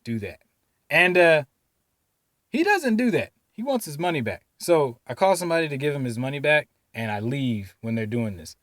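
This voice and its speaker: A man casually telling a story from his store job, slangy and animated, jumping up and down in pitch and loudness for emphasis. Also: normal speed, no echo, clean studio sound. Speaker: vlogger telling a work story.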